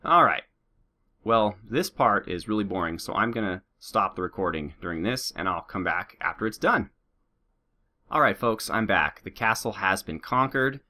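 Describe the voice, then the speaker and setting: Here a man's lowish voice moves at a moderate pace through comedic gameplay commentary for his let's play. He's a bit under the weather, with some nasality and a sore throat. Animated and jokey, he talks to his soldiers and to viewers alike.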